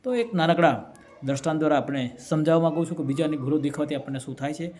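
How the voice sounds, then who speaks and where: Speaking fast in a high-ish, darkish voice, a community speaker tells a folk parable as part of a motivational speech to a gathering. He often pauses to ask the crowd "right?"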